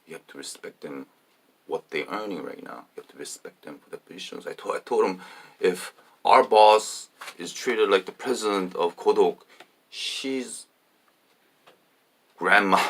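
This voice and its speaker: Very deep gravelly man rambling. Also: fairly bright tone. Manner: meandering, repeats himself, many fillers. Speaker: vlogger. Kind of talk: rambling personal monologue.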